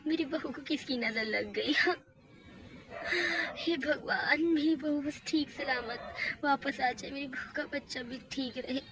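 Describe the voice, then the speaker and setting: A woman voicing an anxious middle-aged mother-in-law who calls out loudly and repeats herself. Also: high voice, measured pace. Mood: worried. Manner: loud, repeats calls in alarm. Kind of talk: hobby doll mini-movie voice acting. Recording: noisy home recording.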